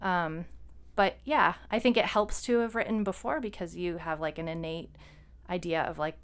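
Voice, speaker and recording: This woman co-hosts a podcast and writes fiction, and her talk is casual and conversational as she offers informal, encouraging advice. Her voice is on the low side with a clean tone, delivered at a moderate pace.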